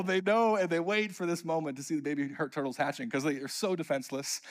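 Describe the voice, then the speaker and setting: Animated young man telling a sermon story. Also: on the high side. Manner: animated storytelling, builds to emphatic preaching. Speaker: preacher.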